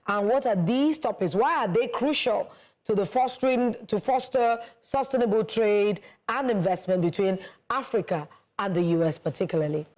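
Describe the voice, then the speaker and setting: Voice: mid-range voice, a little mellow, low-quality recording. A news interviewer asking a guest a long question, rephrasing along the way. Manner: halting, rephrases mid-question.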